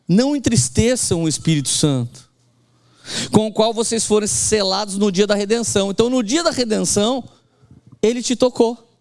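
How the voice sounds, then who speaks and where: A middle-aged pastor from Brazil preaches in a high, lively voice. He acts out the lines he quotes and has the congregation repeat after him. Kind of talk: sermon.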